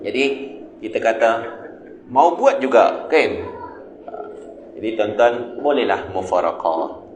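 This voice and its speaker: A man's voice: medium pitch, very animated, a little hiss or hum. A man with a Malaysian Malay accent giving a mosque lecture on a religious text. He asks his listeners questions and answers them himself. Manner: demonstrates sung and drawn-out recitations. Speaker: religious teacher. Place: mosque hall. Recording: echoey room, faint ambience.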